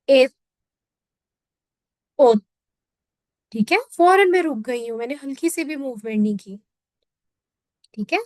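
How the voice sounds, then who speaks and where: A woman from Pakistan teaches a recitation class, going over each point again and checking the students understand. Her voice sits high. The recording is dry, with no room echo. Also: a little mellow. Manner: patient, repeats points and checks with "theek hai". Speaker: Quran teacher. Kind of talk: classroom lesson on Quran recitation.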